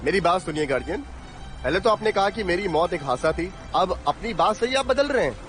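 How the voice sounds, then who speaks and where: A panicky young ghost, high voice, stammers a lot, music under. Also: male voice, expressive, fairly quick, a bit bright. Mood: defiant. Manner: frantic and stammering, repeats words. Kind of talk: Hindi dub of a drama series.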